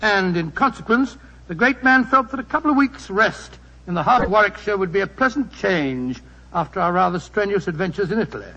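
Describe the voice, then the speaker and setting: An actor playing a genial, rambling older English doctor who recalls adventures in 1940s radio style. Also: male voice, high-pitched, expressive, a little fast, bright, forceful tone, exaggerated voice. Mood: reminiscing. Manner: avuncular, hearty, rambling storyteller. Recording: muffled 1940s radio broadcast recording.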